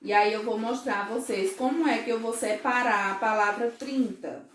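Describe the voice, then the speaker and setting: A woman's voice: fairly high pitch, roomy sound, a little hiss or hum. A woman teaching a first-grade class in Brazilian Portuguese, speaking patiently and often checking that the children follow. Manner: slow, patient, asks children "certo?" and "ó" often. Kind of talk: recorded remote class for young children.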